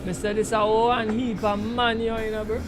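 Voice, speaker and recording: High-voiced Jamaican man musing over gameplay. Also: flat delivery, normal speed, heavy background noise. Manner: musing, keeps checking in with the listener. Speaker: gaming channel host. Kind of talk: casual rambling commentary over gameplay. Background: truck driving game sounds.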